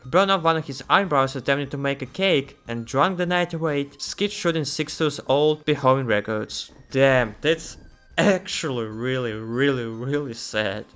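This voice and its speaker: Man reading aloud with nervous asides. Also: medium pitch. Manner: reads text aloud with frequent excited and nervous asides. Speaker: YouTuber. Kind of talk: casual reaction reading aloud.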